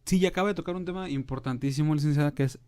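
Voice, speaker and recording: A man with a Mexican accent, hosting a radio talk show and explaining points in a measured way, with occasional hesitant fillers. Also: a little high, warm tone, clear, resonant tone, dry recording, clean studio sound.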